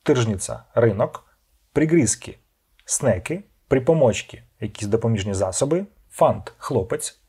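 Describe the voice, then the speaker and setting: A man's voice: medium pitch, expressive, moderate pace, mellow, husky. A man narrating a scripted vocabulary lesson, reading each word and then its meaning in short paired phrases. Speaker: language channel host.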